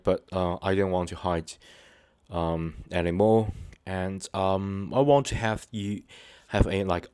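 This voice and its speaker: This channel host has a very deep, darkish voice and talks to his audience unscripted, hesitating, stumbling into restarts and filling gaps with fillers. His tone is sincere and earnest. The audio is close-miked and dry, with no surrounding room sound.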